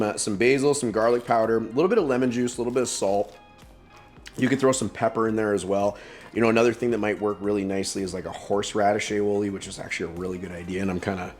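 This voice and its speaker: Chatty man with a low voice. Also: a little mellow. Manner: rambling, enthusiastic, lots of fillers. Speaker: home cook. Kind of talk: casual cooking demo.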